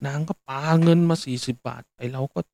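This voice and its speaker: Older taxi driver, put on by a male storyteller, aggrieved and complaining; pitched up above the storyteller's own voice, dark and dry. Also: brisk, vocal fry, no room sound, lightly acted. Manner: complaining, self-pitying rambling.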